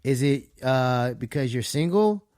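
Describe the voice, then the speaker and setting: A man on a podcast laying out calm, practical advice in an easygoing, conversational way. His voice is mid-pitched and sounds dry and close. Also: a little slow, no echo. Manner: calm, reasoning advice with "you know what I'm saying". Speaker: podcast co-host.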